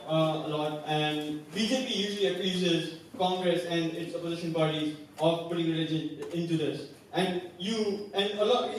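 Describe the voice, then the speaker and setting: A man puts a question from the audience in a high, hesitant, halting voice. He sounds distant from the mic, with heavy hall reverb and some background noise. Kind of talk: question at a public talk.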